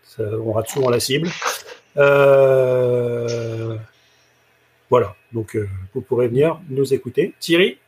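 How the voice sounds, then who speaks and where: A man's voice: mid-range voice, slow, a little mellow, a little hiss or hum. A man hosting a casual live football talk show, joking and handing the floor to his co-hosts. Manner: jokey, leads the segments and hands over.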